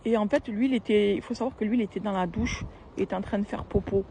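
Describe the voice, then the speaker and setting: A woman's voice: mid-range voice, fast talker, creaky, mellow, a little hiss or hum. A young woman, telling a personal story in a casual, slangy, emphatic and repetitive way.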